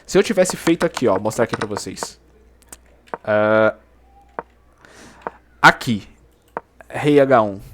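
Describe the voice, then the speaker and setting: A man walks through a chess game move by move. He talks in a casual, slangy way and gets animated over mistakes and tactics. His pitch sits at a middle level for a man. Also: takes it slowly, long pauses, slight background noise. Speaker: chess YouTuber. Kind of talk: game analysis commentary.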